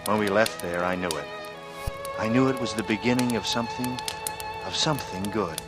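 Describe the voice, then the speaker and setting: This is the lead actor and narrator of a vintage 1940s radio noir, playing a brooding American writer who is calculating yet smoothly charming. His somewhat low voice sounds reflective and lightly acted, measured and intense, over dramatic background music.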